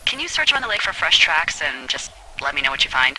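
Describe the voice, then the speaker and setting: Walkie-talkie radio voice, teasing woman fire lookout, video game, bouncy lively voice, noisy. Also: deep voice, fairly quick. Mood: wry. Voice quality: pleasant, sensual voice. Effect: over walkie-talkie radio.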